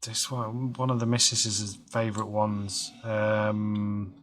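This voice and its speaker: A man in his thirties, slightly hoarse, rambling casually with lots of fillers while commentating a video game. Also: fairly low pitch, flat delivery, slow pace, a bit bright, a little hiss or hum. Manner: rambling, chatty, many fillers and restarts. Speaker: game let's-play host.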